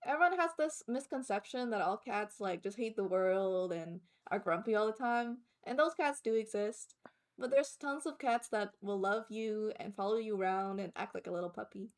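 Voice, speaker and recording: A woman's voice: medium pitch, moderate pace. A woman streamer giving casual reaction commentary in a cute, gushing anime-streamer manner. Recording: music behind the voice. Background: background music.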